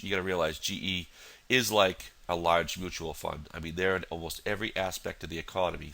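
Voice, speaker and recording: Male trader, very low pitch, nasal from a cold, rambling casual chart walkthrough. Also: pushed and bright. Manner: rambling, many fillers and restarts. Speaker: futures trader. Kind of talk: casual market analysis walkthrough.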